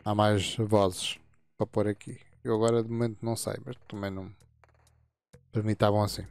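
A fifties-aged man talks viewers through a chat setup. His voice sits low, and he rambles and restarts as he clicks through menus. Faint music plays underneath. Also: flat delivery, creaky, darkish tone, clean tone, no echo. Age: 50s. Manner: meandering, halting explanations with frequent restarts. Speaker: gaming channel host. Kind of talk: casual screen-recorded tutorial.

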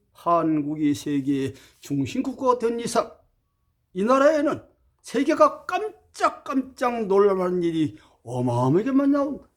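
A man delivering a preachy monologue to his viewers in a high voice that leaps up and down. He lectures with rhetorical questions and moves between polite formal address and blunt, plain talk. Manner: emphatic, swings between formal address and blunt casual speech. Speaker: spiritual teacher addressing viewers.

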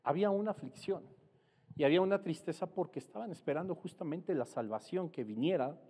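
A man preaching a sermon, explaining Bible words slowly and rising in pitch and volume to stress his points. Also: expressive, warm tone, slightly rough. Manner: explains Greek words slowly, spelling them out. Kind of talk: sermon teaching. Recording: long reverb hall.

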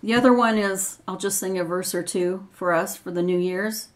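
A woman's voice: mid-range voice, steady tone, moderate pace. An older woman, a retired x-ray tech, speaking in a personal video with an earnest, rambling manner, nervous at times. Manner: earnest, rambling, grievance-driven.

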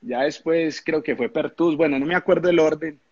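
Husky man telling stories. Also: a little high, normal speed, no echo, lo-fi sound. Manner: animated anecdotes, acts out voices, laughs often. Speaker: former footballer interviewed. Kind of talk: casual interview storytelling.

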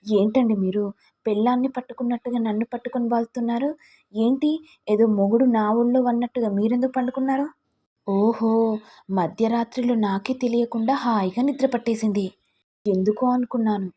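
Woman doing a scolding young wife, sharp and indignant, slightly high, husky. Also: fairly even intonation. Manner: sharp scolding, rapid rebukes.

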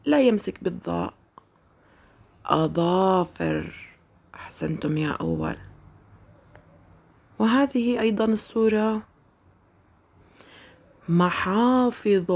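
A woman teaching a first-grade Arabic lesson, slowly drawing out each word for the children to repeat. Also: fairly low pitch, vocal fry, a little mellow, husky. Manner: slow, drawn-out modeling of words for children to repeat.

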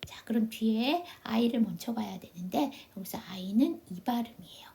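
A woman teaching phonics over a video call, her voice a little high and gravelly. She talks with a mellow, darker tone, patiently posing questions and answering them herself. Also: lively intonation, a little slow. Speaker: English teacher. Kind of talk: online phonics lesson.

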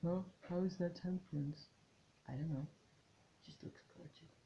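A woman's voice: lowish voice, fairly even intonation, measured pace, creaky, muffled recording, slight background noise. A woman vlogging about tarot at home, chatting to camera in a musing way and trailing off into restarts. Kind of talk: casual chat to camera.

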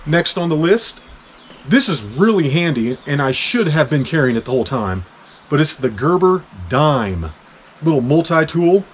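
Speaking at a moderate pace with a somewhat high voice, a hiking vlogger in his forties from Kansas jokes his way through a gear review. He's out on a back deck in winter, chatty and prone to excited bursts, with a little hiss or hum in the recording.

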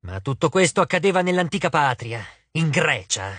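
A man voicing an ancient, bitter female water nymph who speaks slowly and menacingly in an audiobook. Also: fairly high pitch, very animated, a bit bright, slightly rough, dry recording, full character voice. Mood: lamenting. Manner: slow, menacing, honeyed. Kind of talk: audiobook character voice. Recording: dry close studio sound.

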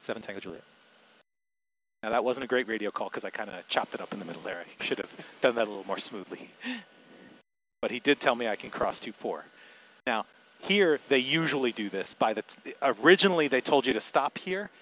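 A man's voice: mid-range voice, animated, brisk, a bit bright. Male pilot instructor on a muffled cockpit headset. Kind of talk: explanatory cockpit lesson with radio calls. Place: small airplane cockpit. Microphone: aviation headset. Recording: dull aircraft intercom, engine noise.

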